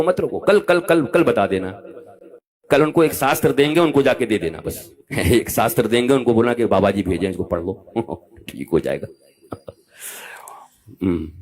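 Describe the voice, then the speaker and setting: A spiritual teacher in his fifties delivers a live discourse in a mid-range voice. He speaks animatedly, swinging from loud exhortation to soft asides as he addresses his listeners directly and with affection.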